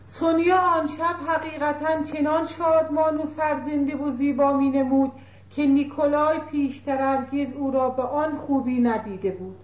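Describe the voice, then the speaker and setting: Woman reading an audiobook, high voice. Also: fairly even intonation. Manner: measured literary reading, voices characters lightly. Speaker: audiobook narrator. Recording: roomy lo-fi tape recording.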